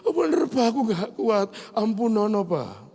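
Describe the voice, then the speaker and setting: Man doing a pleading young boy, high strained voice, long church reverb. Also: wildly swooping pitch, moderate pace, vocal fry, warm tone, slightly rough, full character voice.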